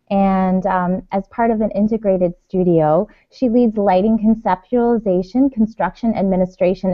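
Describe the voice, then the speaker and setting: A woman's voice: medium pitch, no room sound, lo-fi sound. A woman hosting a podcast, introducing her guest with frequent hesitations and ums. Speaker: show host. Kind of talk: podcast interview.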